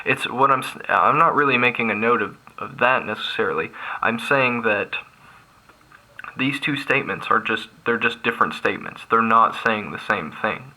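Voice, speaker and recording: Bright-voiced man teaching logic. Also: medium pitch, moderate pace, poor audio. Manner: thinking aloud, restarts, filler-heavy. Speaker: math instructor. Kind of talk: recorded lecture at a board.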